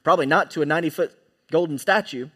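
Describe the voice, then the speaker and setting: A man's voice: fairly high pitch, fast, a bit bright, slightly rough. A man preaching a sermon in church, emphatic and often checking in with his listeners. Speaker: pastor.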